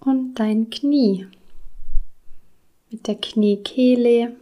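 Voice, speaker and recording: A woman guiding a body scan meditation, speaking softly and soothingly, with some words in a breathy whisper. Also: on the high side, fairly even intonation, drawn-out words. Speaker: meditation guide.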